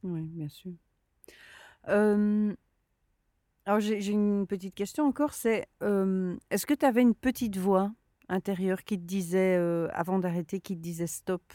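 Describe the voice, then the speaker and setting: A woman's voice: mid-range voice, fairly even intonation, a little slow, warm tone, dry recording, studio quality. A woman interviewing in a conversational way, with hesitant, searching phrasing as she explains and asks questions. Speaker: interviewer and burnout coach.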